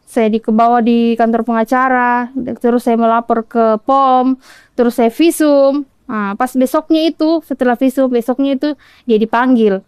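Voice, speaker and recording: A woman's voice: a little high, fairly even intonation, normal speed, darkish tone, smooth, dry recording. A woman from Kolaka with a Southeast Sulawesi Indonesian accent, a mother earnestly retelling events in detail during a podcast interview. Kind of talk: personal account in a podcast interview.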